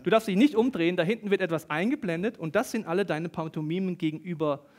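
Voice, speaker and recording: Pastor, high voice, animated sermon, talks right to the crowd, acts out the bible voices. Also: male voice, quick pace. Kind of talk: lively sermon with Bible reading. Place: church service hall with an audience. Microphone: stage microphone.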